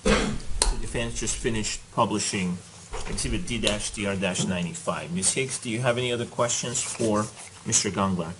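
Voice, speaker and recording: A man presiding as judge, giving calm procedural instructions, heard on a courtroom recording. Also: lowish voice, normal speed, noisy background. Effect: courtroom audio recording. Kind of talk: presiding over a trial.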